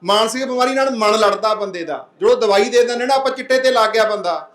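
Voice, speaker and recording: A man speaks in a very high voice to a seated village crowd. He talks plainly and earnestly, putting rhetorical questions to his listeners and telling a folk parable. His voice rings through an echoey public-address sound. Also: quick pace, a bit bright. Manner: earnest, plain-spoken exhorting. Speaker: speaker at a public anti-drug meeting.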